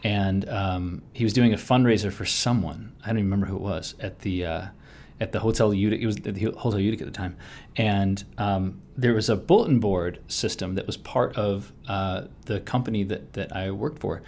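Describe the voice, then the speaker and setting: A man's voice: on the low side, slight background noise. Chatty male podcast host. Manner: chatty, halting with fillers, lively in anecdotes. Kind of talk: casual chat.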